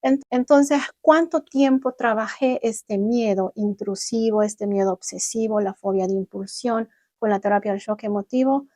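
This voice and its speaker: A young adult woman vlogging, telling viewers about her own experience in an animated way and acting out what she once said. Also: medium pitch, moderate pace, no room sound. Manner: animated, acts out her own past words. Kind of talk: personal storytelling to viewers.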